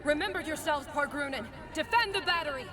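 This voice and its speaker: Woman doing a militant ghost warrior lady for a game, loud and commanding, roaring noise behind. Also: mid-range voice, fairly even intonation, takes it slowly, over a noisy crowd, natural voice. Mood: fierce command. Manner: loud, declamatory. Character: fierce warrior ghost rallying defenders, proud and militant. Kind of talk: dramatic video game voice acting.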